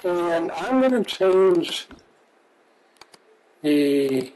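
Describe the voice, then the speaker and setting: A man's voice: sits high, expressive, drawn-out words, darkish tone, slight background noise, rough recording. A man playing a video game on stream, chatting casually, reading in-game text aloud and chuckling often. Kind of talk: casual gameplay commentary.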